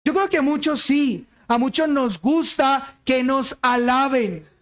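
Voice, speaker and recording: A man preaching a sermon, speaking deliberately and asking the congregation rhetorical questions. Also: very high voice. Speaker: pastor.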